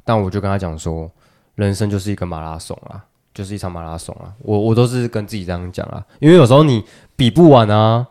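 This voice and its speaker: Low-voiced man telling a story. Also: fast, a little mellow. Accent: Taiwanese Mandarin. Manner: storytelling, acts out quoted phone talk. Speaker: podcast co-host. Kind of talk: casual chat.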